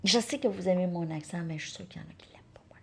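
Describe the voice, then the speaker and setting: Her voice is on the low side and gravelly, and she races along as she reads tarot cards live and casually, with slight background noise. Talkative, she muses out loud, repeats herself, and drops into quiet asides.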